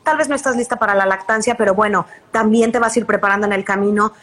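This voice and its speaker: A woman's voice: medium pitch, steady tone, fast, fairly bright tone. A woman with a Mexican accent hosting an interview, asking long run-on questions in a conversational way. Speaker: interview host.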